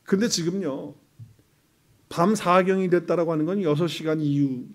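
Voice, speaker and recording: A middle-aged man preaching a sermon as pastor, swinging between loud emphasis and quiet asides and acting out prayers in quoted voices. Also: a little high, moderate pace.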